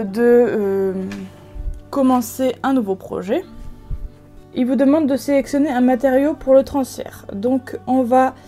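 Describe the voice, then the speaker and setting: A woman's voice: fairly high pitch, mellow. A woman from France talking through a craft tutorial at home in a casual, chatty way, with many fillers and restarts. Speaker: craft video creator.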